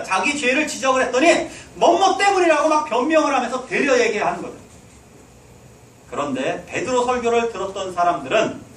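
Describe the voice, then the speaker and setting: A pastor with a high, slightly bright voice preaches in a church sanctuary, exhorting his listeners and tossing rhetorical questions out to the hall. The mic sits at a distance in an echoey space, with a little background noise.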